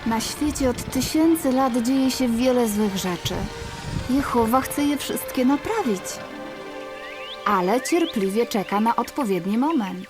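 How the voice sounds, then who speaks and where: A woman's voice: fairly high pitch, lively intonation, unhurried, over music. A woman voicing a patient, preachy cartoon mother who explains things soothingly.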